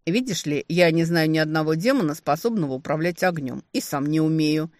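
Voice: mid-range voice, a little fast, darkish tone, no echo, natural voice. A narrator voicing a male demon ruler who is cheerfully menacing and cruelly amused, in a dry, close recording.

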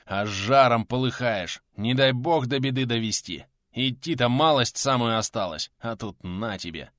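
A man voicing a gruff bearded male warrior who talks loudly and slowly, scolding and fussing over his friend. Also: mid-range voice, no echo, clean studio sound, lightly acted. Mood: worried.

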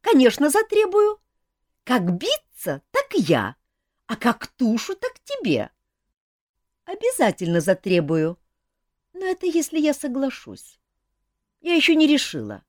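A woman voicing a brash, cheeky young woman mage with a sharp, teasing manner in an audiobook. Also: sits high, wildly swooping pitch, measured pace, long pauses, no room sound, clean studio sound, voice pushed up, exaggerated voice. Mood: defiant. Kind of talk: audiobook character voice.

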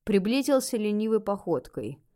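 A woman narrating a first-person audiobook in an expressive, lively way. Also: mid-range voice, moderate pace.

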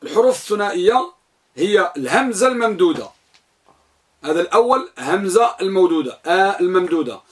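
A man's voice: high-pitched, sing-song, brisk. A man teaching a grammar lesson in a classroom. He quizzes his students, echoes their answers back and recites lists of items one by one.

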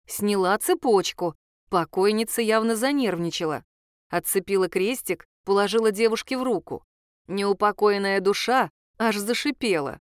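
A woman's voice: medium pitch, normal speed, clear, resonant tone, dry recording. Woman, audiobook narrator, wry first-person storytelling, dry close sound.

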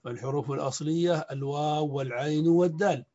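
A man, a sheikh, giving a measured classroom lecture, repeating key points and pausing to clear his throat. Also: on the high side, warm tone. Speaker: sheikh teaching Arabic morphology. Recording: dull lo-fi recording.

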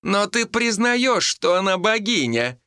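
A high, shrill villain monk, as a male reader puts him on, spitting threats of fire and flaying. His voice leaps wildly up and down and he turns sickly sweet when he bargains. The audiobook reading sounds close and dry. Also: sing-song, measured pace, pushed and bright, clean tone, no echo, exaggerated voice. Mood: ranting. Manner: shrieking, menacing, then sugary.

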